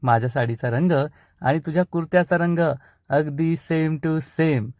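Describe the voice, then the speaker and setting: A man's voice: fairly high pitch, a little slow, a little mellow, no room sound, studio quality, lightly acted. A man doing a bossy, teasing young woman. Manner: teasing, insistent. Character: pushy young bride, woman, playful and bossy.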